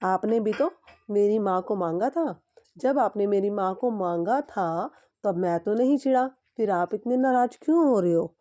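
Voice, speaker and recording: A woman's voice: mid-range voice, animated, warm tone, close to an everyday voice. A woman reading as a witty male courtier. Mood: politely sly. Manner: polite, quick retorts. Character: quick-witted male royal courtier.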